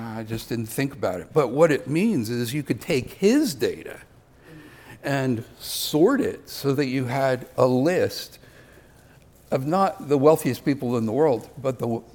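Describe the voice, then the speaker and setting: A man's voice: mid-range voice, expressive, a little slow, darkish tone. An older man giving a conversational sermon, with self-deprecating asides. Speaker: preacher.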